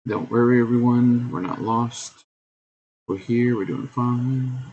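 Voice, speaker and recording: A man's voice: medium pitch, fairly even intonation, slow, lo-fi sound. A middle-aged man hosting his own live stream in casual chat, humming and scatting to fill the waits. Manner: chatty, hums and scats while waiting. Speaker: streamer host.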